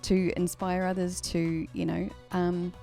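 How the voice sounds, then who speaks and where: A woman's voice: lowish voice, flat delivery, unhurried, creaky, warm tone. A woman hosting a music livestream, talking earnestly to viewers and often repeating words and restarting. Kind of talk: casual livestream talk to viewers.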